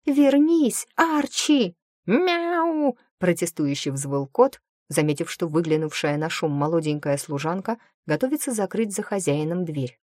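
A woman narrating a first-person fantasy audiobook in a lively, expressive storytelling manner. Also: low voice, moderate pace, hardly any pauses, no room sound, clean studio sound.

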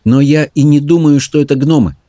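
A man's voice: fairly high pitch, a little fast, warm tone, a little hiss or hum, voice pushed up, lightly acted. A man doing a scoffing, bossy older sister girl. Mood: scornful. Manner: blunt, scoffing.

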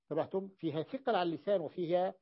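A man teaching a grammar lesson in a classroom, repeating words slowly and checking that his students follow. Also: high voice. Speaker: teacher of Arabic morphology. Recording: dull lo-fi recording.

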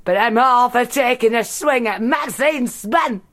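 A middle-aged woman performing a brash comic monologue, swinging from loud to quiet. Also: a little high, unhurried. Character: brash middle-aged female ex-reality star. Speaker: solo stage performer.

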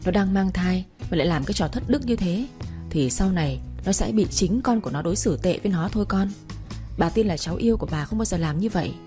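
A woman's voice: on the low side, expressive, fast, dark tone, soft background music, close to an everyday voice. A woman voicing a caring, protective old grandmother in a Vietnamese audio story, defending her grandchild and scolding others. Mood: comforting.

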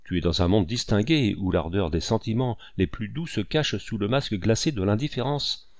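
A man's voice: lowish voice, expressive, moderate pace, dry recording, clean studio sound. A man reading an audiobook and voicing an impulsive, effusive old colonel with emphatic exclamations.

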